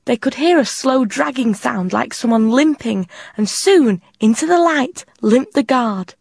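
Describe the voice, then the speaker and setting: A woman's voice: fairly high pitch, measured pace, vocal fry, husky, no echo, clean studio sound. Woman reading a children's story aloud. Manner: expressive, lively narration.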